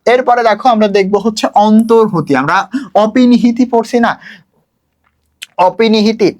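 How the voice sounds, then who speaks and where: High-voiced man teaching grammar. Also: normal speed, a little mellow. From Bangladesh. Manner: asks the class questions and answers them himself, often checks "clear?". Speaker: admission exam tutor. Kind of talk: recorded Bangla grammar lesson.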